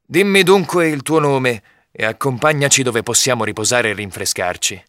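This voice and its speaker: A man voicing a suspicious, hot-tempered nobleman in a storybook reading, who shouts and threatens. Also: mid-range voice, animated, moderate pace, no echo, clean studio sound, lightly acted. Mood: softened.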